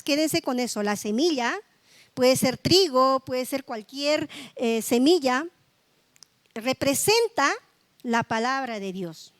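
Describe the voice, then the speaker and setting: A woman's voice: sits high, no room sound. A middle-aged woman pastor giving a sermon with personal testimony, speaking conversationally and often adding tag questions.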